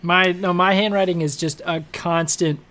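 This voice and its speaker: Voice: mid-range voice, fairly even intonation, moderate pace, fairly bright tone. A podcast co-host in easygoing casual chat, laughing along with the others.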